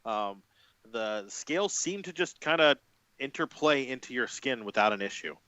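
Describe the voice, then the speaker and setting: A man's voice: medium pitch, lively intonation, moderate pace, sharp tone, no echo. A man narrating a tabletop game as game master in a casual, um-filled way.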